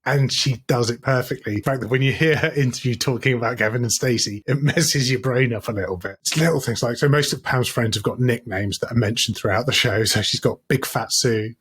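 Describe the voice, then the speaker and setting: A man's voice: medium pitch, fairly quick, few pauses, fairly bright tone, breathy edge. A man co-hosting a comedy podcast, chatting casually and enthusiastically, with laughs between his points. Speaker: podcast co-host. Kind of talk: casual comedic ranking chat.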